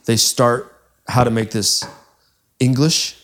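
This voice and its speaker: A man with a mid-range voice on a casual podcast, retelling an anecdote with quick asides and frequent laughs. He sounds like a young adult. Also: medium pitch, fairly bright tone. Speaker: podcast co-host.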